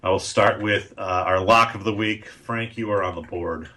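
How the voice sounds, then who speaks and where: A man with a lowish but bright, forceful voice hosts a casual sports podcast. He talks bluntly and gives strong opinions. He moves the show along from one segment to the next. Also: steady tone, normal speed. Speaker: podcast host.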